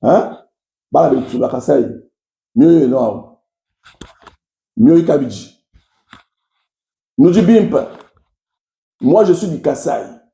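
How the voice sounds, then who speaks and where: Speaking extremely slowly with frequent pauses, a Tshiluba-speaking man from Kasai with a Congolese French accent addresses his followers directly in fervent political commentary. His slightly high voice is warm and creaky with lively intonation, emphatic and repetitive, in an echoey room.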